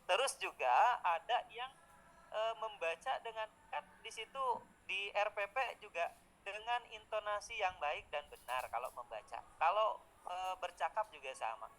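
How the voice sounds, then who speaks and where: A middle-aged man lectures informally, reviewing his trainees' teaching in a conversational, chatty way. His voice sits a little on the high side, and he peppers his talk with tag words and brief hesitations. A faint hiss runs underneath. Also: sharp tone, poor audio.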